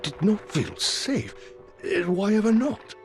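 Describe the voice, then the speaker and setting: A man playing a loyal, kindly Victorian doctor in an audio drama, speaking in a genteel, old-fashioned and expressive way. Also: sits high, slow, music in the background, heavily acted. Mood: curious.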